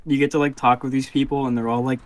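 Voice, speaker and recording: Man, casual podcast chat, giggly, rambling, mid-pitched. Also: flat delivery, quick pace. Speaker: podcast guest.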